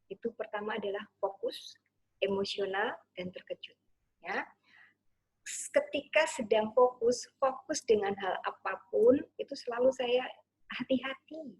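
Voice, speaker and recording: A woman parenting coach giving a gentle online talk, sometimes acting out soothing words to a child. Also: a little high, expressive, measured pace, husky.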